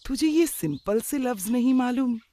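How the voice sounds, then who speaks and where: A man's voice: extremely high pitch, animated, normal speed, dark tone. A man voicing a stern traditional father. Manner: disapproving, stern.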